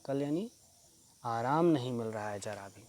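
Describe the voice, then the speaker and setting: A male teacher reads a play from a school textbook aloud, stopping often to explain words. His delivery is slow and measured. Faint crickets and insects hum in the background. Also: medium pitch, expressive, a little mellow. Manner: pauses to explain word meanings.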